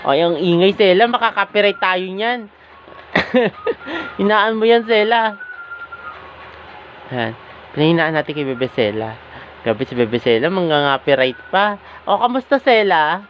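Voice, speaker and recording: A man's voice: sits high, lively intonation, measured pace, pauses often. A man filming a casual home vlog, asking playful, teasing questions. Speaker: vlogger. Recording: dull home video sound, faint hiss.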